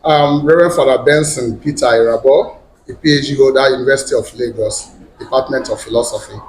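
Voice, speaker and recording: A man with a Nigerian accent, a priest who lectures in philosophy, speaks at a measured academic pace and leans on small filler phrases. His mid-pitched voice rings in an echoey room, with a faint noise bed underneath. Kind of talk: academic talk.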